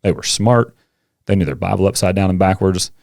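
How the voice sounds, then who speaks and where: A middle-aged man, a coach and teacher, chatting as a podcast guest and telling animated stories. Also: low-pitched, brisk, creaky, dry recording, clean studio sound. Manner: animated storyteller, acts out kids' voices. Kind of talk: casual interview conversation.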